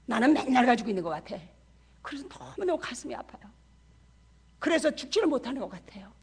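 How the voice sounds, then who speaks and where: A woman's voice: sits high, very animated, fast, darkish tone, breathy edge. A middle-aged woman missionary preaching a sermon in a church, passionate and full of rhetorical questions to the congregation.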